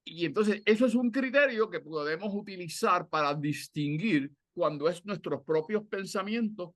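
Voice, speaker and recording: A man's voice: high-pitched, moderate pace, no echo, clean studio sound. A man with a Puerto Rican Spanish accent, reflecting and thinking aloud on a video call. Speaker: study group participant. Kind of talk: casual discussion on a video call.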